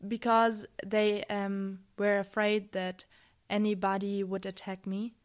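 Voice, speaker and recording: A woman's voice: mid-range voice, level tone, slow, smooth. A young woman from Germany speaking English as a second language, answering interview questions hesitantly with many fillers. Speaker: interview guest. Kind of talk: casual interview.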